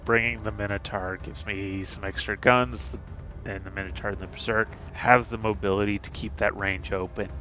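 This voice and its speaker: Low-voiced man streaming, thinking aloud. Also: fairly even intonation, bright, forceful tone, soft background music. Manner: thinks aloud with many fillers and pauses. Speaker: game streamer. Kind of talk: casual strategy talk while streaming.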